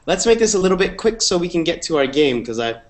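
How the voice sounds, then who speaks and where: Lively upbeat male teacher. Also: a little high, quick pace. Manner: upbeat, repeats short phrases. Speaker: English teacher. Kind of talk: online class introductions. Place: indoor room, video call. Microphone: earphone headset mic.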